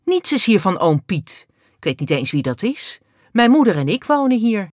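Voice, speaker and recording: A woman voicing a young boy in a children's story, speaking in a lively, slightly raised voice. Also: mid-range voice, normal speed, no room sound, clean studio sound, voice pushed up. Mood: angry. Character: young boy, cheerful then sulky and angry.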